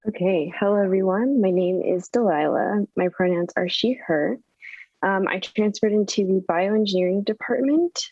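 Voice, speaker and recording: A young woman from Northern California introduces herself on a student panel, chatty and friendly with plenty of ums. Her mid-pitched voice comes over a video call that sounds dry and slightly dull. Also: moderate pace, darkish tone, no echo. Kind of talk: casual self-introduction.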